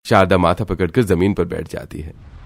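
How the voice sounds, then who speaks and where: A man narrating a cartoon family story in a steady, scripted way. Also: deep voice, moderate pace, vocal fry.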